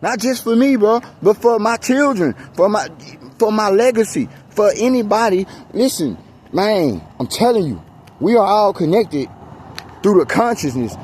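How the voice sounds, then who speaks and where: A man's voice: high-pitched, a little mellow. An exasperated American man venting and preaching in casual, emphatic, repetitive talk as he walks along. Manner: speaks while walking. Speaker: vlogger. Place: outdoors on a street. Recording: street noise, handheld outdoor recording.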